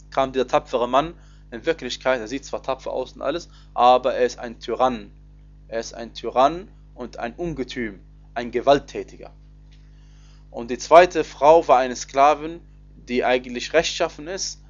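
A man giving a spoken religious lesson, explaining in a loose, conversational way with frequent hesitations and restarts. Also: medium pitch. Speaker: Quran commentary teacher. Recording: slightly dull, lo-fi recording.

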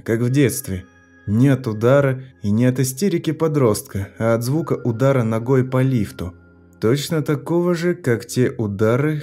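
A man with a medium-pitched voice reads a scripted audiobook narration, calm and measured throughout.

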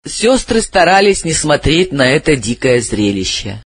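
A man narrates a story in a lively, dramatic way, his high voice rising and falling widely. There is a breathy softness to it. The sound is dry and close to the mic. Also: normal speed, dry recording. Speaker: audiobook reader.

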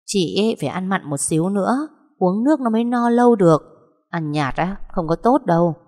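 A woman voicing a spoiled, sly teenage younger sister who talks in a shrill, bossy, whiny way, with a long echoing reverb. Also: animated, a little fast, mellow, close to an everyday voice. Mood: wheedling.

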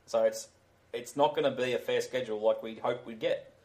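A man's voice: mid-range voice, fairly even intonation, brisk, darkish tone, poor audio. A man co-hosting a sports podcast, arguing his point emphatically in casual chat. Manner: emphatic, argumentative.

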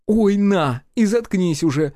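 A man's voice: on the high side, animated, normal speed, mellow, no echo, clean studio sound, voice pushed up, close to an everyday voice. A man voicing a hot-tempered young woman fighter, snapping and scornful, in an audiobook. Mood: furious. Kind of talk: audiobook character voice.

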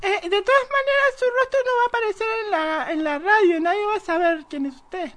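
A stern female police officer grills her suspects in a radio comedy sketch, as a man puts her on. Her voice sits extremely high and shrill, and she fires off short, clipped questions. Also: a little fast, fairly bright tone, slight background noise. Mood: explaining.

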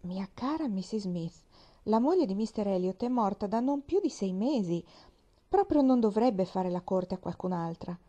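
A woman reading the part of Anne Elliot, a reserved young woman who speaks in an earnest, measured way. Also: mid-range voice, animated, warm tone, lightly acted.

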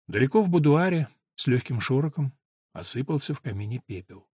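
A man's voice: mid-range voice, sing-song, fairly quick, darkish tone, slightly rough, no echo. Male audiobook narrator, dry close sound.

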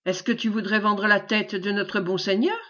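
A woman voicing a lively, outspoken farmer's wife, on a dull lo-fi recording. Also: a little high, lightly acted. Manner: quick to indignation and laughter.

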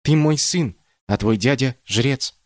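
A man's voice: medium pitch, measured pace, dry recording, clean studio sound, pitched above the performer's own voice, natural voice. A man doing Mama Rila, a loving stern storyteller. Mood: earnest. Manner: tender, pleading, then proudly stern.

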